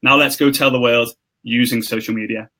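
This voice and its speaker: Excitable young man hosting a live stream. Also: mid-range voice, fairly quick. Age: young adult. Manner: excitable, salesy, jokey. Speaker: host. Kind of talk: casual live-stream chat.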